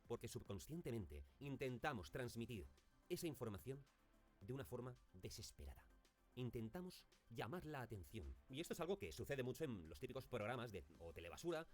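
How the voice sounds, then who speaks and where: A man's voice: fairly low pitch, darkish tone. A man, a teacher giving a recorded lesson on intonation and demonstrating stressed words in example phrases. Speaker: speech teacher.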